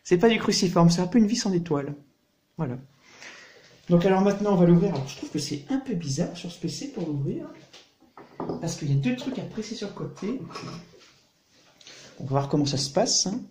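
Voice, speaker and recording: A man's voice: high-pitched, expressive, brisk, pauses often, noisy background. A man hosting a casual hands-on computer hardware tutorial, chatty and explaining through everyday comparisons.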